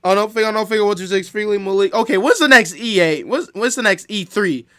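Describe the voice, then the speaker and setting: A man's voice: high voice, fast, a bit bright. A male streamer making sarcastic, mocking asides while watching a show. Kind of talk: casual stream commentary.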